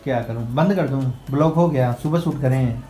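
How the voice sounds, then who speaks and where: A man's voice: medium pitch, normal speed, dark tone, faint music behind. A man hosting a casual home vlog, teasing and coaxing his wife in an affectionate way. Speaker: vlogger.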